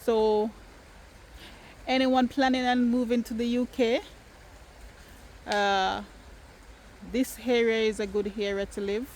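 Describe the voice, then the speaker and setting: A woman's voice: on the high side, slow pace, pauses often, slight background noise. A woman from Jamaica with a Jamaican accent, chatting casually and emphatically in a family vlog, filmed outdoors in the countryside. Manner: animated, emphatic, playfully argumentative. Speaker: vlogger.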